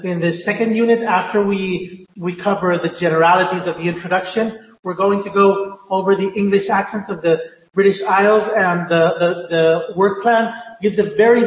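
Male lecturer, high-pitched, hesitant and stop-start while explaining a course, recorded in a very reverberant room. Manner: halting, hesitant delivery with frequent filled pauses and repeats. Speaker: university language teacher. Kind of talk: online lecture, improvised explanation. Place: indoor room, teaching a live online class. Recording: echoey reverberant room, muffled audio.

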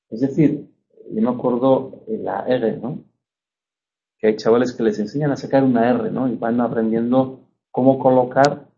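A man from Spain teaches a lecture in a relaxed, mellow voice of middle pitch. He explains patiently, with frequent little check-ins to his listeners. The recording sounds dull and lo-fi. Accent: Spanish (Spain). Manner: explanatory, checks understanding with frequent tag questions. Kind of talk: university lecture.

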